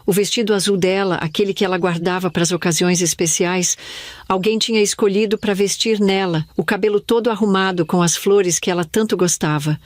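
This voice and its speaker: A woman's voice: mid-range voice, fairly even intonation, fairly quick, no echo, studio quality. Older woman narrating a somber memory. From Brazil. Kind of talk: scripted first-person narration.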